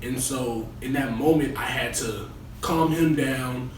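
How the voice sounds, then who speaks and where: A man's voice: mid-range voice, a little slow, close to an everyday voice. Man acting as young resident assistant, echoey skit interview. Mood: earnest. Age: young adult. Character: young male resident assistant, cocky and boastful or earnest. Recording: echoey room, distant mic, noisy.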